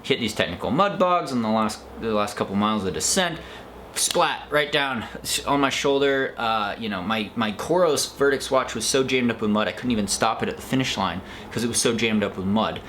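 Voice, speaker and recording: A man's voice: on the low side, lively intonation, moderate pace, a bit bright. Casual male running vlogger over background noise. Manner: rambling, conversational, self-correcting. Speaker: trail runner vlogger. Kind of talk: casual vlog race recap.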